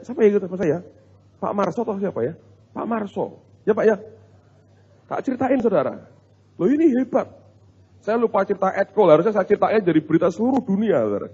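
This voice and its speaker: A male pastor, preaching in an animated, humorous storytelling way and talking straight to his congregation. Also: high-pitched, slightly rough. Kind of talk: storytelling sermon. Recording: muffled recording in a reverberant hall.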